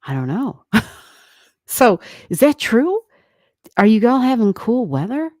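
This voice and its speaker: A woman with a slightly high, sing-song voice and a darkish tone speaks at an unhurried pace, recorded with studio quality and no room sound. She hosts an astrology livestream from a home room that isn't soundproofed, chatting casually with viewers, rambling, and laughing often. Her desk microphone is turned down halfway.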